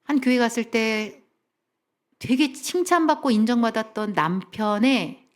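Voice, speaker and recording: A middle-aged woman with a fairly high voice leads a lively seminar talk in a church. She speaks as a family counselor, has the audience repeat lines back, and sometimes sinks into a hushed whisper to stress a point. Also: a little slow. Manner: animated, has the audience repeat after her; drops to soft whispers for emphasis.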